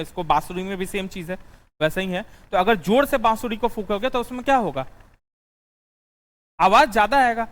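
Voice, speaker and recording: A man's voice: sits high, a bit bright, in a large hall. A male teacher giving a lecture and dictating notes. He asks the class questions and answers them himself. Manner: sings out the notes of the scale.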